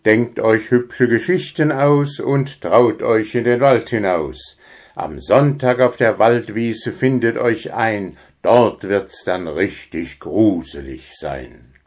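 A man's voice: on the low side, exaggerated voice. A man reading a jolly forest announcement. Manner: announcing, proclaiming. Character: forest host inviting animals, jolly.

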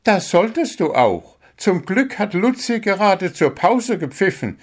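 A man's voice: high-pitched, sing-song, a little slow, voice pushed up, heavily acted. A man voicing a small, strict bird who coaches a football team, scolding and sarcastic.

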